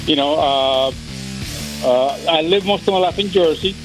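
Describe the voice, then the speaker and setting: Male caller from El Salvador, chatty and meandering, high voice. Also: measured pace, music in the background, rough recording. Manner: chatty, rambling, hesitant fillers. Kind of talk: phone-in question.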